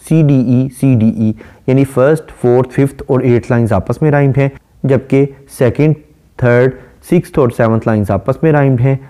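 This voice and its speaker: A man giving a literature lecture, reading English verse lines slowly and explaining each one in Hindi-Urdu. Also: mid-range voice, mellow. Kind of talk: recorded lecture.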